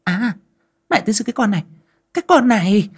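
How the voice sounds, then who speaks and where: A spiteful young mistress with a sour, shrill voice, pitched very high and swinging wildly as she berates a servant. The tone is husky and lively throughout this storybook telling. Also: brisk, heavily acted. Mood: shrill scolding. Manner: scolding, threatening, swaggering. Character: shrill cruel young mistress, wife of master. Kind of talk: audio folk story narration.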